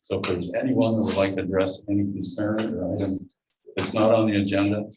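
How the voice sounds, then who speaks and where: In a meeting room, a man chairing a public board meeting speaks through a face mask in a lowish, level voice, a little fast, with dry asides along the agenda. The recording is dull and echoey, taken from a distance over a noisy background.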